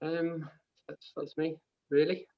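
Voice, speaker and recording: A Welsh man in his thirties, a guest speaker chatting casually on a video call, relaxed with lots of ums, trailing off quietly. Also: a little high, takes it slowly. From Wales. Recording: dull lo-fi call audio.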